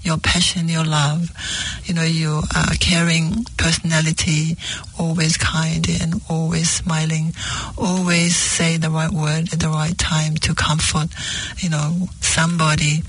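Lady hosting radio, husky low-key range, effusive, repeats stuff for emphasis. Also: level tone, measured pace, rough recording. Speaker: radio host. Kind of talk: radio show hosting, addressing guest and listeners.

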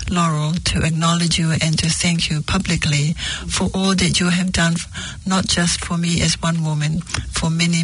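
A woman's voice: low voice, rough recording. A woman hosting a radio show, speaking effusively to her guest and listeners and repeating phrases for emphasis. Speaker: radio host.

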